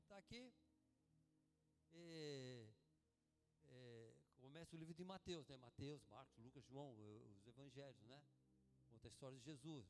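A man preaching a sermon at a church service, energetic and conversational, using slang and calling out to his congregation. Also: mid-range voice. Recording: long church-hall reverb with music.

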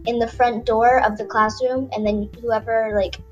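A woman's voice: on the high side, flat delivery, normal speed, lo-fi sound, soft background music. Rambling young woman telling a story. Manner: rambling, full of filler words. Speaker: podcast storyteller. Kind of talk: casual storytelling.

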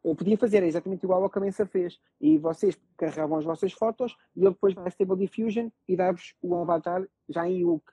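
A man with a European Portuguese accent talks through ideas in a casual panel chat. His voice is dark, very husky and quick, and he repeats himself as he explains. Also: high-pitched, animated, dry recording, poor audio. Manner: explanatory, repeats phrases, checks listeners follow.

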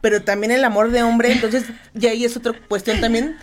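Joking high-voiced woman co-host. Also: steady tone, brisk. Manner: joking, playful asides. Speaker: radio co-host. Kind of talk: casual chat show.

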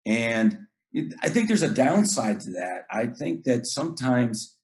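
A man's voice: medium pitch, big pitch swings, measured pace, darkish tone. A middle-aged man, a basketball coach, talking earnestly in casual chat, often repeating words and acting out what he tells his players.

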